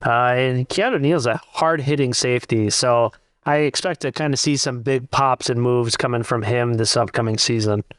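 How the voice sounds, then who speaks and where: A man's voice: medium pitch, normal speed, hardly any pauses, fairly bright tone, dry recording, studio quality. A man co-hosting a podcast in casual sports chat. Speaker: podcast co-host.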